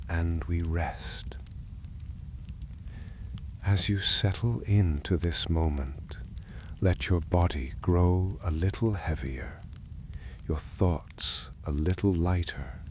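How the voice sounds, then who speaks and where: A man narrating a soothing sleep story in a hushed, gentle, calming way, with long pauses between phrases. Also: sits low, slight background noise.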